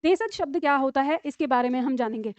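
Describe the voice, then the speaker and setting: A woman's voice: high voice, fast, a little mellow, no room sound. A woman teaching a Hindi grammar class online. She explains patiently and keeps checking in with rhetorical questions.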